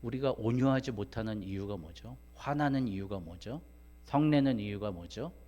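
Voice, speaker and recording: A man preaching a sermon, swinging from loud emphatic rises to hushed, almost whispered asides and firing rhetorical questions at the congregation. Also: lowish voice, animated, normal speed, highs cut off. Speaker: pastor.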